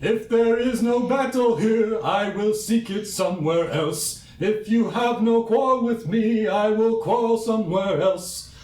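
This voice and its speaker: A man voicing a boastful, battle-hungry male tree-spirit warrior who talks slowly and grandly. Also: darkish tone, echoey room. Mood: proud. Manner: booming, slow and grandiose.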